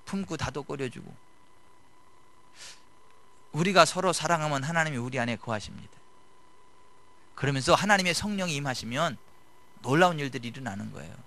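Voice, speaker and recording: A middle-aged man preaching a sermon in a conversational style, swinging from loud to hushed. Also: a little high, animated, normal speed, creaky, long pauses. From South Korea. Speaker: pastor.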